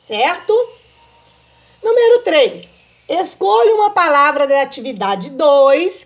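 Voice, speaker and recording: Woman as primary teacher, high and unhurried voice, patient sing-song delivery for kids. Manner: slow, patient, sing-song teacher talk with frequent checks. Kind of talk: remote lesson to children.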